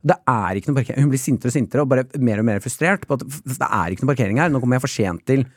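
A man in a casual radio chat, telling an animated story with frequent laughter. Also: medium pitch, slightly rough, dry recording, studio quality. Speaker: guest storyteller.

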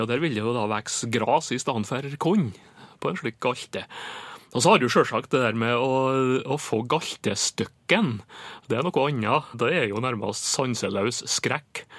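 A man as a radio dialect expert, answering listener questions in a measured, explanatory way with frequent pauses. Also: mid-range voice, a bit bright, no echo.

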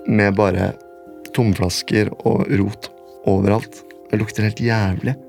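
A man telling his own story in a radio documentary, halting and repetitive, stringing his sentences together with "and then". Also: on the low side, fairly even intonation, vocal fry, a little mellow, faint music behind. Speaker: interviewee recounting a personal event. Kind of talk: spoken recollection in a radio documentary.

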